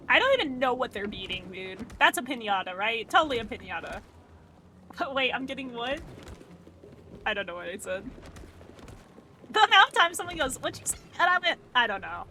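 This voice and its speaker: Woman streamer, bright slightly high voice, loose and sweary, chatty commentary over gameplay. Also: big pitch swings, brisk, pauses often, a little hiss or hum. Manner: rambling, swears casually, laughs a lot. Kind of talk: casual gameplay chat.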